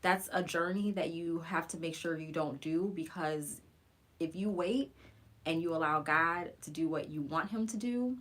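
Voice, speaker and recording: A woman's voice: low-pitched, fairly bright tone. A woman in her forties speaking earnestly and encouragingly in a casual live stream about her faith. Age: 40s. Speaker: faith vlogger. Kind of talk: live-stream personal testimony.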